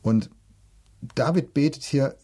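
A middle-aged man giving an earnest devotional talk, speaking directly to the listener and reading scripture slowly. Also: medium pitch, dark tone, husky. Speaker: preacher.

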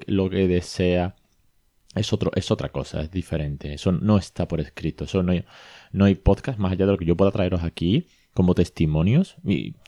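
A man from talks in a deep, mellow voice. He hosts a casual podcast, retelling a consultation with chatty asides. The recording is dry and close. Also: no room sound. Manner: conversational, retells dialogue, frequent asides and self-corrections. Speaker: podcast host, bilingual parenting consultant.

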